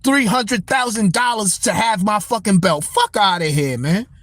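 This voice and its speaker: A man's voice: high-pitched, expressive, normal speed, fairly bright tone, no echo, soft background music. A young man hosting a casual boxing talk livestream, speaking, blunt and profane as he answers his chat. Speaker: livestream host.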